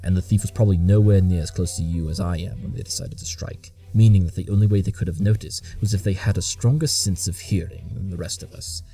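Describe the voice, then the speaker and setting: A deep, dark-toned male voice races through deductions with hardly a pause. He's an actor portraying a brilliant, domineering detective in an audio drama, smug and impatient, talking down to others in clipped monologues.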